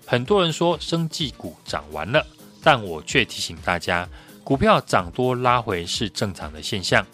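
A man's voice: medium pitch, big pitch swings, normal speed, a bit bright, soft background music. A man with a Taiwanese Mandarin accent giving prepared stock market commentary as an analyst, explaining point by point.

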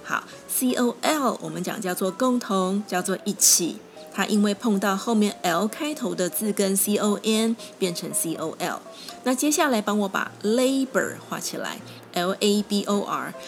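A woman teacher walks through vocabulary with patient, deliberate repetition, spelling each word out letter by letter. Her voice sits at a middling pitch, and soft music plays faintly behind her. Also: animated, creaky. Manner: patient, repeats words slowly and spells them letter by letter. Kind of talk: vocabulary lesson, spelling words aloud.

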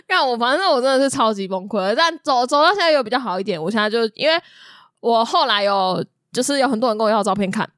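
A woman's voice: a little high, lively intonation, fast talker, a bit bright, no room sound, studio quality. A young Taiwanese woman co-hosting a casual chat podcast, telling a story in a dramatic, self-mocking way with swearing. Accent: Taiwanese Mandarin. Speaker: podcast co-host.

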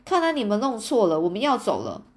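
A woman voicing a calm, protective young male mage who speaks firmly in a storybook reading. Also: fast talker. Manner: firm, low-spoken.

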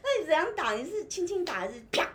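A young woman hosting a podcast in casual chat, asking curious questions and laughing loudly. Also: very high voice, big pitch swings, fast, a little hiss or hum. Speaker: podcast host.

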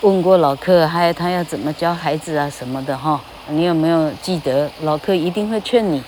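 A woman's voice: deep voice, brisk, darkish tone, a little hiss or hum. Older woman, chatty monologue. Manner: speaks of herself in third person, tags phrases with "ha". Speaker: retired English teacher and radio host. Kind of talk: casual spoken monologue.

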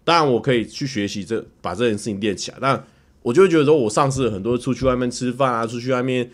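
A man with a Taiwanese Mandarin accent telling a story casually on a livestream, animated and stammering through repeated words as he acts it out. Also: mid-range voice, quick pace. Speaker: livestreamer and YouTuber.

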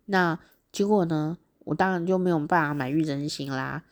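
A woman with a Taiwanese Mandarin accent telling a casual diary story, chatty and excitable, laughing often. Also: deep voice, moderate pace. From Taichung, Taiwan. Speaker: diary podcast host.

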